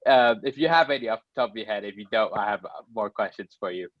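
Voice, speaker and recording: A man moderating a panel and asking questions in a relaxed, light-hearted way. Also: on the low side, quick pace, no room sound, highs cut off. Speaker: moderator, company CEO.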